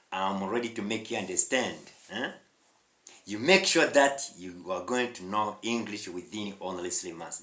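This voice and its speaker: A Rwandan man with a Rwandan accent teaches an online English lesson, speaking directly to viewers with emphasis, repetition and short questioning interjections. His voice is medium-pitched and a bit bright. The room sounds echoey.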